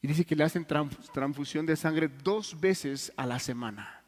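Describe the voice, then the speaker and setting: A man preaching a sermon in Mexican Spanish, telling stories earnestly and swinging between loud and hushed. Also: on the high side, unhurried. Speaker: pastor. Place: church hall. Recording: long church reverb.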